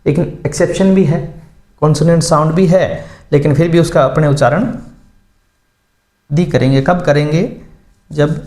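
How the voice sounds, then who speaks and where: A man's voice: on the high side, steady tone, moderate pace, pauses often, a little mellow. A man teaching a grammar lesson in a somewhat raised voice. He explains step by step, repeats the key words and stops to ask learners questions. The sound is roomy and echoey. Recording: echoey room.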